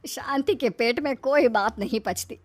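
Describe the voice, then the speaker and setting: Cartoon mother-in-law, scheming and spiteful, voiced by a woman with a sharp, higher voice. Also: moderate pace, soft background music, lightly acted. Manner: sharp and scolding. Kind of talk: cartoon voice acting.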